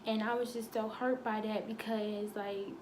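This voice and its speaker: A young woman telling a painful personal story, halting with many fillers and fighting back tears. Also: mid-range voice, level tone, a little mellow, slight background noise. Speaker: vlogger.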